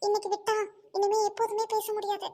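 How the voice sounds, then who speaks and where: A woman's voice: very high voice, monotone, fast talker, warm tone. A woman voicing a young woman doctor who pleads and insists, in an amateur audio drama. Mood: pleading.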